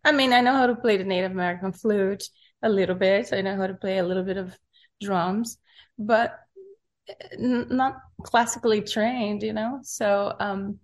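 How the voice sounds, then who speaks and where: Woman, middle-aged, soft-spoken, halting, reflective interview talk. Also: medium pitch, steady tone. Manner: soft-spoken, searching for words, many fillers. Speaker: recording artist interviewed.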